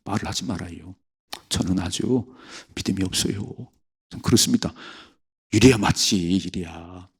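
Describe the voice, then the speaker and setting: A man pastor preaching a sermon at a church, emphatic, with sudden high exclamations. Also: normal speed, husky. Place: church sanctuary.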